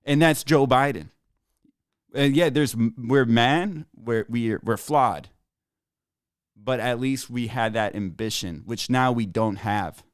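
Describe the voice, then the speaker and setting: A man's voice: mid-range voice, slow pace, clear, resonant tone, no echo, clean studio sound. A man hosting a podcast, talking in casual discussion, earnest with joking asides. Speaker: podcast host.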